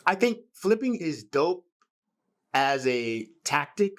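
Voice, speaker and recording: A man's voice: a little high, big pitch swings, slow. A man, a real estate agent, chatting casually as a podcast guest in a laid-back, slangy way.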